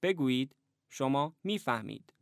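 A man narrating a language lesson, giving measured, even instructions in a scripted way. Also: medium pitch, clean tone, no room sound, studio quality.

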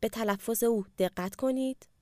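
A woman narrating a language course and clearly prompting the listener to repeat after the speaker. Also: fairly high pitch, a little mellow, no room sound, clean studio sound. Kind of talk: scripted lesson narration.

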